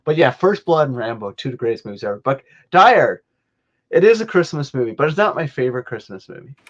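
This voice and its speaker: A man's voice: mid-range voice, very animated, quick pace. A middle-aged Canadian man hosting a podcast, chatting casually and rambling with lots of self-corrections. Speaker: podcast host. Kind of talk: casual chat. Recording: dull lo-fi sound.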